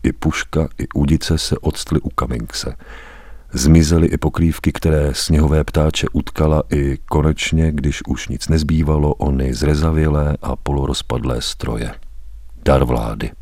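A man reading a story aloud as a narrator, grave and measured, with weighty pauses. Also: very deep voice, fairly even intonation, mellow, breathy edge, dry recording, studio quality. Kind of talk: dramatic audiobook narration.

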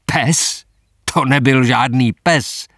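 A man's voice: low-pitched, slightly rough, no room sound, clean studio sound. A man reading a story, voicing a frightened, superstitious soldier who talks anxiously and insistently. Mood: uneasy.

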